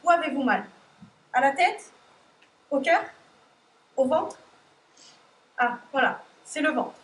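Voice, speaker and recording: A woman's voice: high-pitched, lively intonation, takes it slowly, a bit bright, full character voice. A teenage girl acting in a school stage play as a caring, motherly woman in charge, recorded from far off in an echoey hall. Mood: gentle. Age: teens. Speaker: high school stage actor.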